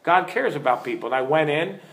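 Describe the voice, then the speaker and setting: A middle-aged pastor teaching earnestly from the pulpit, weaving in stories and turning to his listeners with questions. His voice sits a little high for a man, and it rings around an echoey room. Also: lively intonation, fairly quick, fairly bright tone. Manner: earnest, storytelling, asks the audience questions.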